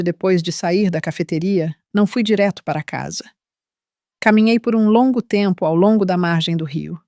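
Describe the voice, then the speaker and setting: Measured woman narrating a story. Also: fairly low pitch, darkish tone, dry recording, studio quality. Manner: measured and reflective. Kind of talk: scripted first-person story narration.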